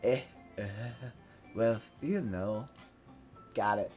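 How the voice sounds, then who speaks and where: A woman's voice: very deep voice, animated, slow, a little mellow, soft background music, pitched below the performer's own voice, heavily acted. A woman doing a curt, sour teenage girl. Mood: grumbling. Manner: curt, grumbling.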